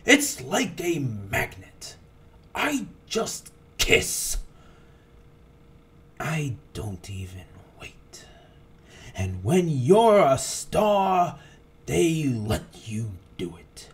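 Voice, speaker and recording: A man giving a dramatic reading like a hammy stage actor, theatrically swinging between hushed whispers and loud cries. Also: fairly high pitch, big pitch swings, drawn-out words, long pauses.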